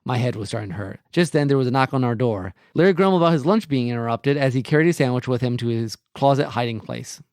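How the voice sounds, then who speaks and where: A man's voice: mid-range voice, fast, few pauses, a little mellow, no room sound, studio quality. A male podcast host reading a short mystery story aloud, often breaking off to laugh.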